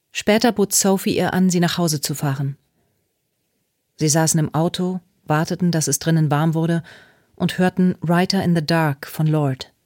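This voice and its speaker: A woman narrating a novel in a calm, measured way. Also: low voice, no room sound, studio quality. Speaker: audiobook narrator. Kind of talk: scripted narration.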